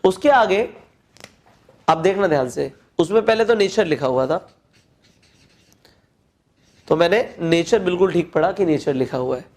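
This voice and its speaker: A man's voice: a little high, animated, a little mellow. Hindi-accented man teaching spoken English. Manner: explains slowly, reading English phrases aloud.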